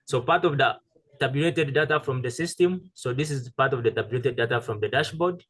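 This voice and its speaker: A man giving a halting technical presentation over a video call, with many fillers and restarts. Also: medium pitch, a bit bright. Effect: heard over a video call. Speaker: presenter pitching a solar tool.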